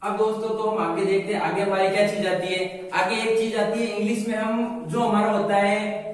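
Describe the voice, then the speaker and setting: High-voiced teacher in an echoey room. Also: male voice, flat delivery, normal speed, recorded from a distance. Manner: asks questions then answers them himself, repeats key words. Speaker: English teacher. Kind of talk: classroom-style lesson with call-and-response questions.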